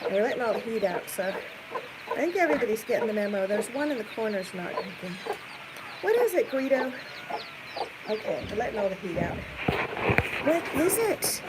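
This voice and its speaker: Loud farm noise with clucking chickens and a rooster surrounds a woman's medium-pitched voice. She talks casually into a handheld camera as she does chores, thinking aloud and chatting to viewers and to the animals. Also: fast talker. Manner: rambling, thinking aloud while busy with chores; coos and chats to animals in questions. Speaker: livestream host doing farm chores. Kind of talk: casual chatty livestream walk-about, talking to viewers and animals. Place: farmyard, barn and chicken coop. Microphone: handheld phone or camera.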